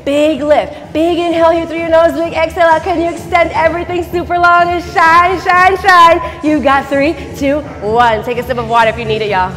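A woman with a high voice leads an energetic exercise class. She barks short, urgent commands like a gym coach, pushing people on. The sound rings around a large studio, with faint music behind her. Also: normal speed, few pauses. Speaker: fitness instructor. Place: large empty dance studio, indoors. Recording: echoey studio hall, distant mic, faint music.

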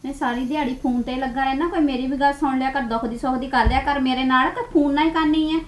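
A woman playing a sharp-tongued wife who scolds her husband sarcastically. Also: sits high, steady tone, quick pace, echoey room, soft background music, lightly acted. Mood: scolding. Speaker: nagging wife in a family drama.

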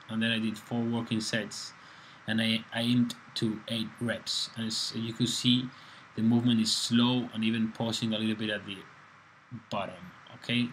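A man's voice: medium pitch, fairly bright tone, slight background noise, poor audio. A man from Spain, a fitness coach giving a casual, joking workout voice-over with plenty of swearing. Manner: laid-back, swearing, joking banter. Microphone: voice-over, close mic.

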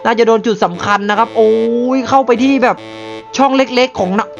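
A man giving excited live gameplay commentary, often exclaiming and repeating words in rapid bursts. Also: extremely high pitch, dull audio. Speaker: game streamer. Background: loud music.

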